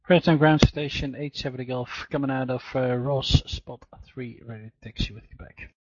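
A man with a gravelly, husky voice making pilot calls and readbacks on air traffic control radio. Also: medium pitch, steady tone, normal speed, dry recording. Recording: dull, dry radio audio.

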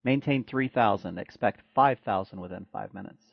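A man's voice: on the low side, moderate pace, vocal fry, no echo. A man working as an air traffic controller, speaking in procedural radio style on dull, lo-fi audio.

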